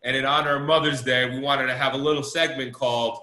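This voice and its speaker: A man's voice: medium pitch, steady tone, fast, bright, forceful tone. A man hosting a podcast in casual chat, blunt and swearing freely while moving the segments along. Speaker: podcast host. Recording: echoey room with faint noise.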